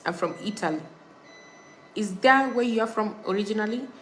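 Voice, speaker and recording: Brisk and medium-pitched, the young Kenyan host of a casual livestream reads out viewer comments, repeating thanks and subscribe reminders. Slight background noise is present.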